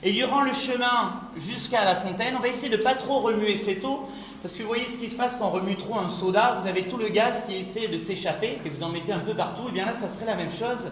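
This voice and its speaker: A man's voice: high-pitched, brisk, fairly bright tone. A man working as a tour guide, explaining step by step to a group with rhetorical questions in an echoing underground rock gallery. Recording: echoey cave gallery, clear background noise.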